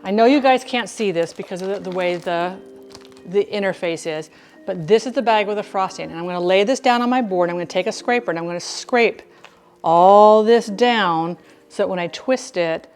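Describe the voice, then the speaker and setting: A woman at a middling pitch chats casually while baking in a home kitchen. She talks like a rambling storyteller who keeps restarting and repeating phrases, with soft music playing underneath. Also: moderate pace. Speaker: host of a baking livestream.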